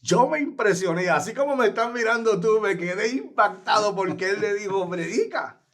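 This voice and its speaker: A man's voice: high-pitched, a little fast, a bit bright. A man, a guest evangelist telling his personal testimony in an earnest, emphatic way.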